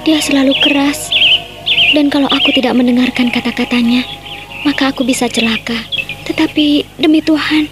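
A woman's voice: high-pitched, fairly even intonation, normal speed, pauses often, over music, natural voice. An actress playing an anxious, lovesick young village girl who sighs and frets in a radio drama. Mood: anxious longing. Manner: fretful, sighing. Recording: loud hiss on an old radio-drama tape.

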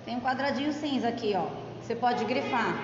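A woman teacher with a Brazilian Portuguese accent walks her students through an exercise patiently, one step at a time. Her voice sits somewhat high. It rings around an echoey classroom with a long tail of reverb, over a faint hiss. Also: fairly quick. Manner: patient, explains step by step with frequent tag questions. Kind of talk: classroom explanation. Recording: echoey, dull lo-fi room recording.

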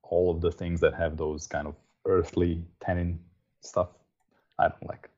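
A man's voice: low voice, level tone, unhurried, a little mellow, highs cut off. A middle-aged man from Slovenia with a Slovenian accent, chatting casually as an interview guest. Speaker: interview guest, software developer.

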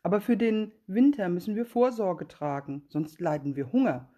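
A woman's voice: medium pitch, expressive, normal speed, dark tone, lightly acted. A woman voicing a sly, greedy female cat who sweet-talks in a fairy-tale reading. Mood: coaxing. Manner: sweet-talking, coaxing, then curt.

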